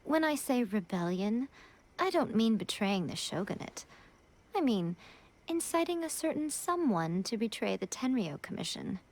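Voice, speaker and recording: Yae Miko, sly composed shrine priestess. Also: female voice, fairly high pitch, big pitch swings, darkish tone, slight background noise, poor audio. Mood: calm scheming. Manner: teasing, measured, knowing. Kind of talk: video game cutscene voice acting. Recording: music under the voice.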